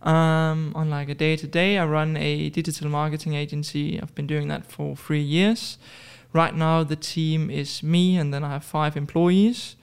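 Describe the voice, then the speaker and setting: This Danish man in his twenties is a podcast guest in a casual interview chat. His fairly high voice is creaky yet smooth, with a level tone, moderate pace and hardly any pauses, though he hesitates with many fillers and restarts.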